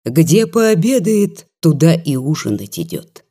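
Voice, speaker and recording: A reader voicing a sleepy male merchant who talks in a drowsy, ironic, yawning way, low and husky. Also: very animated, a little slow, warm tone, heavily acted. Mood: drowsy mocking.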